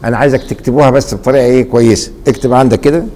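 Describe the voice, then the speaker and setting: A middle-aged man with an Egyptian accent teaching a classroom grammar lesson, repeatedly pausing mid-sentence so students fill in the missing word. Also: medium pitch, steady tone, dark tone. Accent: Egyptian Arabic. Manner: quizzing, leaves blanks for students to fill.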